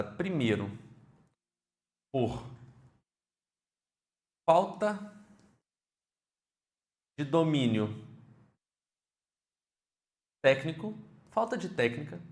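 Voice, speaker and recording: Brazilian man teaching keyboard, roomy echo. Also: a little high. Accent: Brazilian Portuguese. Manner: lively, talks straight to the viewer with frequent questions. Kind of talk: online keyboard lesson.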